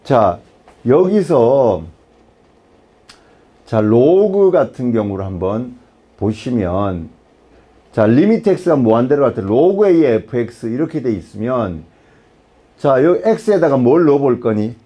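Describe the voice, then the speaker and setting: A man's voice: mid-range voice, sing-song, slow, long pauses, slightly rough, muffled recording. A man teaching a math lesson in a casual, chatty way, often checking with the class. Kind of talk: lecture.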